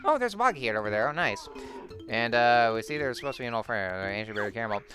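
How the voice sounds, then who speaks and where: A man's voice: mid-range voice, sing-song, quick pace, sharp tone, soft background music. A man giving casual, rambling game commentary full of fillers and restarts. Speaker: let's-play host.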